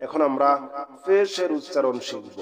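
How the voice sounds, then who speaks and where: A man teaching Quran reading, chanting Arabic letter names and their vowel sounds in a slow singsong drill and explaining between drills. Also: mid-range voice, expressive, faint music behind.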